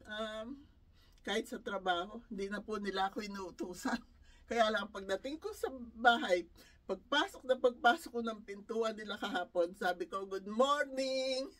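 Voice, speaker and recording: A woman's voice: medium pitch, moderate pace. A woman from the Philippines chatting casually in a home vlog, laughing often between phrases and turning emotional as she talks and prays. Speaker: vlogger. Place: her home studio. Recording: voice a bit distant from the mic.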